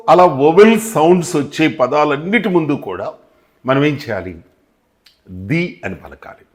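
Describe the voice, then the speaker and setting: A man with a Telugu accent teaching English, repeating points and asking and answering his own questions. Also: fairly high pitch. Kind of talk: spoken English lesson.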